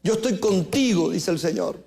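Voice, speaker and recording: A male pastor preaching a sermon with passion, moving from loud calls to hushed, quiet passages and often addressing listeners as brother. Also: high voice, expressive, moderate pace. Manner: impassioned preaching, swings from shouting to hushed.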